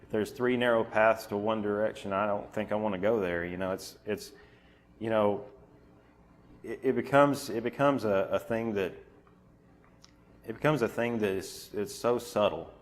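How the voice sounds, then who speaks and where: A man preaching an informal sermon in a church, talking in halting bursts full of restarts and fillers. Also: on the low side.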